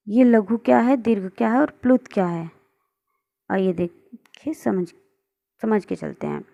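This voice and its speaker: A woman's voice: a little high, creaky, mellow, dull audio. A woman teaching a grammar lesson online, explaining on screen and patiently asking and answering her own questions.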